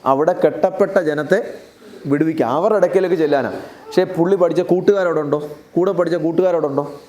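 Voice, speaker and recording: A man with a Keralite Malayalam accent preaches a sermon in a fairly high voice. He retells Bible stories in everyday, conversational language. He keeps firing questions at the congregation. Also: brisk, dark tone. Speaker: pastor.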